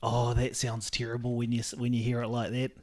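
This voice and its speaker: A man's voice: mid-range voice, monotone, a little fast, a little mellow. A man with a Kiwi accent chatting casually as a podcast co-host in an agreeable, easygoing way. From New Zealand. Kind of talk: casual chat.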